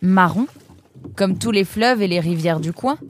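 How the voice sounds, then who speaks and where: A woman voicing an eager, excitable young male reporter in a children's audio story, speaking high and breathless. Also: a little slow, slight background noise, lightly acted. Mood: excited.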